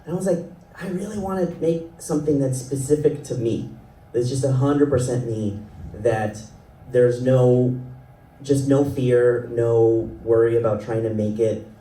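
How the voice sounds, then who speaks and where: At a measured pace, a man in his thirties speaks in a mellow, medium-pitched voice with fairly even intonation. The animation writer and creator, from South Florida with an Ecuadorian family, rambles and laughs often in a self-deprecating festival panel discussion. The hall audio is roomy, taken from a distant mic, with slight noise.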